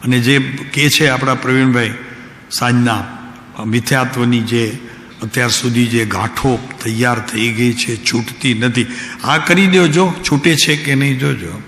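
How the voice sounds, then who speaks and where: Male spiritual teacher, mid-pitched, steady unhurried sermon delivery, long reverb of a hall, light hiss behind. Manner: asks listeners direct questions. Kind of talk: devotional discourse. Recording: echoey hall, faint background noise.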